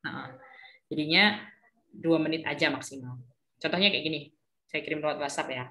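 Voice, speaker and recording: A woman's voice: low voice, normal speed, bright, forceful tone. A woman teacher trainer giving a casual briefing, explaining with worked examples and many fillers.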